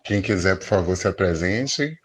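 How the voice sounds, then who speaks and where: Deep-voiced man moderating a panel. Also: lively intonation, normal speed, husky. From Salvador, Bahia, Brazil. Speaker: debate mediator. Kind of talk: formal online panel moderation.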